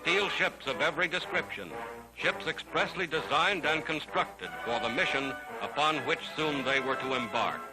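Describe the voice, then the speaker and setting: A man's voice: fairly high pitch, normal speed, poor audio. A man giving grand, declamatory scripted narration for an old wartime newsreel. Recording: narration over loud music.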